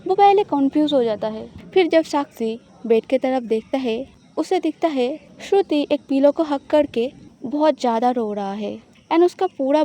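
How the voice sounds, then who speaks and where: A woman narrating an audio love story in a steady, plain way. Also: sits high.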